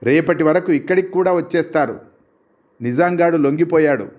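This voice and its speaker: A man's voice: a little high, normal speed, a little mellow, pitched above the performer's own voice, close to an everyday voice. A man voicing a distraught, hungry male friend who arrives at night, pleading in a plain voice.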